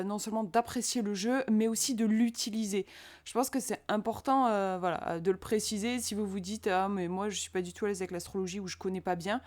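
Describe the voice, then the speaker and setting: A young woman giving a casual review of a tarot deck, hesitant and full of fillers and restarts. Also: mid-range voice.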